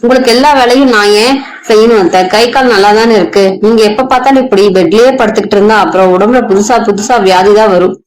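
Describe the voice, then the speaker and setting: A woman's voice: fairly high pitch, quick pace, natural voice. A woman doing a defiant young daughter-in-law. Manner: defiant, impassioned. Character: young overworked daughter-in-law finally standing up.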